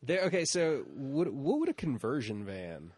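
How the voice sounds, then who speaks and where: A man's voice: mid-range voice, big pitch swings, normal speed, a little mellow, husky, no room sound, studio quality. Profane, casual man asking questions. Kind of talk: casual comedic chat.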